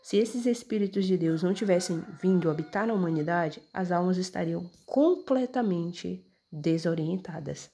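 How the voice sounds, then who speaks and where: A woman's voice: on the low side, moderate pace, warm tone, faint music behind. A woman explaining scripture in a casual, conversational way, often checking in with her listener and pointing at the text as she reads. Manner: points at text while reading. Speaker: religious teacher explaining scripture.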